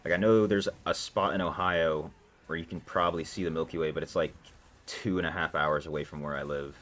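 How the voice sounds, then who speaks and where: A male livestream gamer with a bass voice chats casually with his viewers, answering their questions in a steady, brisk, slightly bright tone. He's loose and talkative, packing in lots of filler words, while faint music plays in the background.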